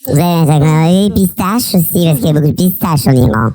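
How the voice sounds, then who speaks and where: A woman's voice: lowish voice, fairly quick, mellow. A woman guest whose voice is disguised by a voice changer, chatting with a playful, teasing manner. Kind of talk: casual chat.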